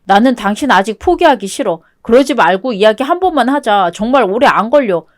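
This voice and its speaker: A woman's voice: a little high, expressive, a little fast, natural voice. A woman playing a whiny, clingy young husband. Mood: pleading. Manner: whiny, begging. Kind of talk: web-toon radio drama reading.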